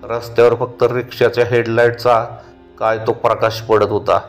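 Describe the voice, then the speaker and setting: A man narrating a horror story in a steady, measured way. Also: mid-range voice, soft background music.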